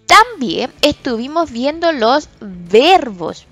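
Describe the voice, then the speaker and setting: A woman teaching a recorded lesson to children, speaking slowly and patiently and stretching out example words with loud stress on syllables. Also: high-pitched, big pitch swings, no room sound, soft background music. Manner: slow, patient, stresses syllables loudly and drawn out when giving example words. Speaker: special education teacher.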